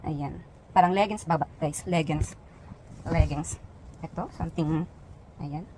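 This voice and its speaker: Her voice sits low with a darkish tone as this Filipina vlogger works through her show-and-tell at a measured pace, chatting and filling gaps with frequent fillers while presenting each item. The recording is low quality, with a little hiss or hum.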